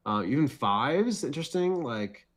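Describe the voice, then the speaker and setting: A man's voice: mid-range voice, sing-song, measured pace, fairly bright tone. A man casually talking through his card picks with many fillers and restarts. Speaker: deckbuilding contestant. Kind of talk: casual chat.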